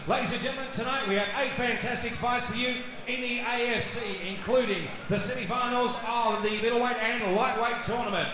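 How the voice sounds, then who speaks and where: A man working as master of ceremonies in a booming, ceremonial boxing ring announcer style, stretching out names and phrases. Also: steady tone, brisk, crowd noise. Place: large indoor fight venue, over PA. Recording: very echoey arena PA, noisy venue.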